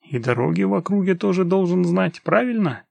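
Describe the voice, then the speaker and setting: Shrewd scheming scout, dry gravelly voice, voiced by a male narrator. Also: sits high, expressive, fairly quick, a little mellow, dry recording, voice pushed up, exaggerated voice. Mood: persuasive. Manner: persuasive, questioning.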